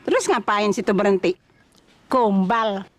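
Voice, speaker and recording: An actress playing a sly old granny chicken seller in a TV drama, curt and scolding. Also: female voice, medium pitch, measured pace, slight background noise, lightly acted. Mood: irritated. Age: older. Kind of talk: television drama acting.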